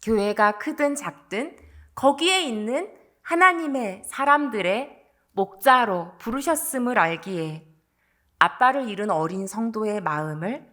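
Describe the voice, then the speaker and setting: A woman's voice: medium pitch, bright, forceful tone. A woman pastor delivering a sermon, telling a story expressively and sometimes dropping to a near whisper.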